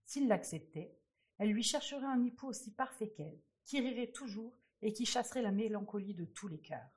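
Breathy woman reading a fairy tale. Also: on the high side, fairly quick. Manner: expressive storytelling. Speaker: storyteller.

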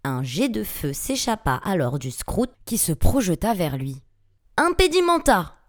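A woman narrating a fantasy audiobook with dramatic, expressive storytelling. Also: low voice, measured pace. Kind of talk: audiobook reading.

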